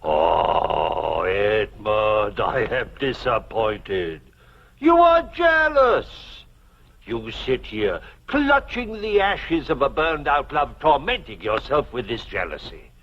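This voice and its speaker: A theatrical, husky, worldly uncle. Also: male voice, on the low side, sing-song, slow pace, few pauses, heavily acted. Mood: exasperated. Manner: theatrical, exclamatory, old-world formal phrasing. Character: genial, worldly, fussing uncle of an older generation. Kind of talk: 1950s television drama acting. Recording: muffled old 1950s television soundtrack.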